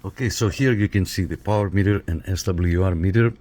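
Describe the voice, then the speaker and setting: His voice sits low with a darkish tone, and he talks a little fast. He's a radio reviewer doing a casual, hands-on walkthrough of some equipment, instructing viewers step by step.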